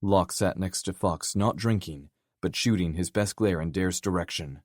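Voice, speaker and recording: A man narrating a romance audiobook in a steady, measured reading style. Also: low voice, no echo. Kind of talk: scripted narration. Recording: dry close audiobook recording.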